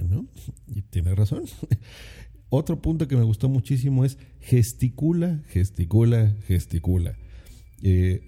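Male podcaster, chatty explainer, husky and gravelly, very dark tone, condenser mic at home. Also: mid-range voice. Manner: chatty, explanatory, frequent filler "eh" and "¿no?". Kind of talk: casual solo podcast talk. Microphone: condenser microphone.

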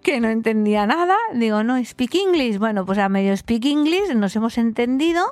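A woman's voice: on the high side, animated, brisk, a little mellow, dry recording. A woman from Spain hosting a podcast, casually recounting a hotel mishap and acting out the dialogue with laughs. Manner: chatty, acts out dialogue with laughs. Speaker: podcast host. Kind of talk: casual travel storytelling.

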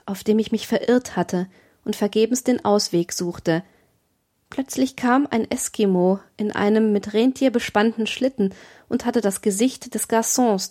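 A woman narrating a literary audiobook in a measured, expressive way. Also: mid-range voice.

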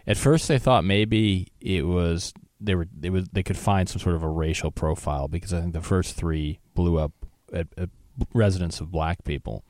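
A man's voice: low voice, normal speed, a little mellow, dry recording, clean studio sound. A man co-hosting a talk show, discussing the news in a loose conversational way with many fillers and restarts. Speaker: co-host.

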